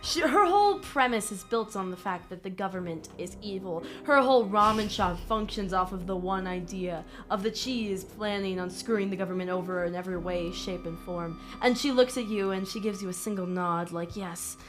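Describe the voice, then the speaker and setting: A woman's voice: medium pitch, normal speed, hardly any pauses, faint music behind. Woman game master narrating with laughter. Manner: lively, laughing, stumbles and corrects herself. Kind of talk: narrating a tabletop role-playing game.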